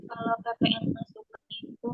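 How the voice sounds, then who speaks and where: A woman's voice: a little fast, dry recording, narrow, tinny audio, faint music behind. A woman student answers her teacher in an online class. Her voice cuts in and out over a choppy call connection, and she restarts her answer carefully. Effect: voice breaking up over a choppy call connection.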